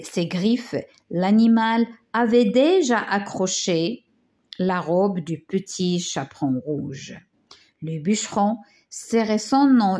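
A woman teacher reading a children's tale aloud, slow and careful, with small slips and restarts. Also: mid-range voice, a little mellow.

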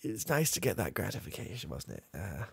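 With his face near the camera in a small, dim, colour-lit room, a young Brit gives a heavily acted performance as a proud, muddled grandad who can't manage technology in a comedy ASMR roleplay. His low, sing-song voice is brisk, gravelly, a little mellow and slightly rough. Close-miked and free of echo, he rambles hesitantly with plenty of fillers and restarts.

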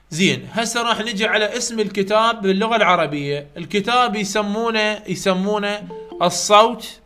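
This English phonetics tutor has a high-sitting, bright, forceful voice and an Iraqi Arabic accent. Lecturing live online, he chats with his students directly and keeps repeating the important points.

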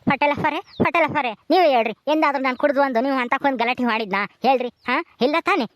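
A woman's voice: high voice, racing, natural voice. A woman acting a drunken, quarrelsome village man who heckles and keeps demanding "ha?". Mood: drunk, accusing. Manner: slurred, heckling, ends lines with a challenging "ha?". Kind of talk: village comedy-drama acting.

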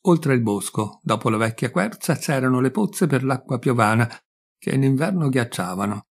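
Gravelly male storyteller, measured. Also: medium pitch, animated. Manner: measured, deliberate reading. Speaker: audiobook reader. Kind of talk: scripted narration of a short story.

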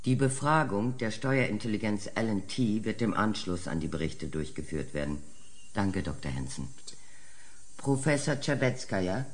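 A man's voice: lowish voice, expressive, normal speed, lightly acted. An actor in a German audio drama playing a formal, dryly controlling chairman of a commission. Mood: brisk, formal. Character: dry, authoritative male chairman of a commission.

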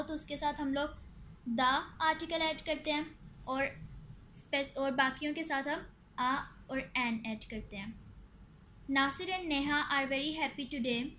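A woman with a Pakistani accent teaching an English textbook lesson in Urdu. She reads the English sentences slowly and deliberately and explains them more quickly. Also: high-pitched, a bit bright, slight background noise, low-quality recording.

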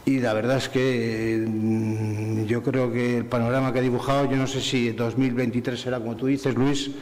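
A man's voice: mid-range voice, little pitch movement, moderate pace, big-room sound. A middle-aged man from Valencia giving effusive formal thanks at a business breakfast, speaking into a table microphone in a large hotel function room. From Valencia, Spain. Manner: warm, effusive, repetitive listing. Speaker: forum collaborator giving closing thanks. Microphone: table microphone on stand.

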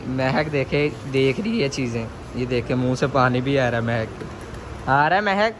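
Speaking at a moderate pace in an animated, medium-pitched voice, a young man narrates his phone vlog of a bakery outing. He urges children along with short, repeated prompts. The scene shifts from the street into a small bakery, with clear street and shop noise in the background.

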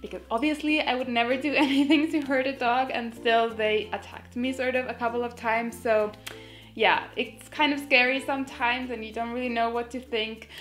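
A young woman from Finland, chatting casually to camera in a bright room and gesturing as she talks. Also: fairly high pitch, fairly even intonation, moderate pace, soft background music. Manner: chatty, gesturing with both hands. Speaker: vlogger. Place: indoors, bright room in front of a sofa.

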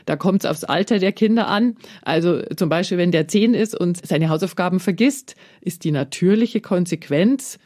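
A woman talks as an expert guest on a radio program. She explains things calmly and clearly, and now and then acts out what a parent might say. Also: on the low side, moderate pace, hardly any pauses.

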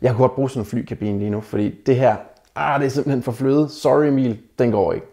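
A man who makes dating advice videos talks casually to the camera in a mellow, mid-range voice. He bluntly mocks the messages he critiques and calls his viewers "guys."

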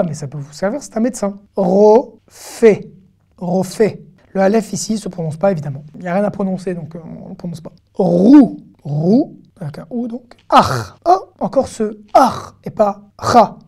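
A woman teaching an online language lesson, patiently explaining and repeating sounds slowly for learners. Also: lowish voice, dark tone. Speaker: Hebrew teacher.

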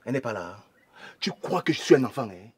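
A man playing a husky menacing street thug. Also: mid-range voice, sing-song, quick pace. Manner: threatening, shouting. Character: menacing young male thug demanding to see his girlfriend.

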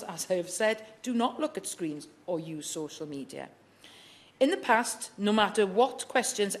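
A middle-aged woman, speaking as a member of parliament in a chamber debate, reading prepared remarks firmly and earnestly. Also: on the low side. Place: large wood-panelled debating chamber.

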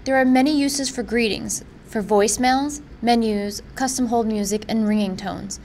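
A woman presenting a software tutorial in an informal, instructional way. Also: on the high side, steady tone, moderate pace, a little hiss or hum. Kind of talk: software walkthrough narration.

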